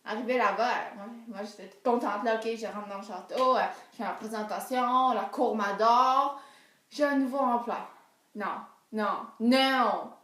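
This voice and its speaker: Young woman, high bright pitch, very animated comic monologue, hushed asides to excited cries, echoey room. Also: a little slow, distant mic. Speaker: storyteller. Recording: roomy echo.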